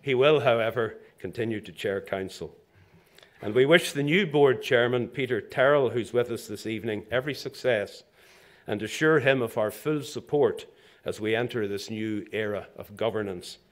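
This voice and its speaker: This formal prepared speech is an inaugural address by the president of a professional institution, an older man from Zambia. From a lectern in a lecture hall, his medium-pitched voice keeps a measured pace, punctuated by dry asides.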